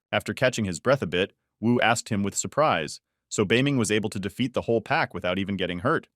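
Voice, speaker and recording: A man reading a scripted story recap narration in a steady storytelling manner. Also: lowish voice, no room sound, clean studio sound.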